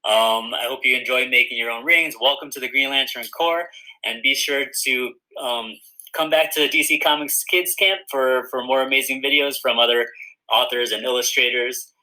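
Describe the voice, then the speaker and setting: Here a male children's author leads a friendly, step-by-step craft tutorial for young viewers. His medium-pitched voice sounds pushed and bright, with fairly even intonation at normal speed, and the recording quality is low.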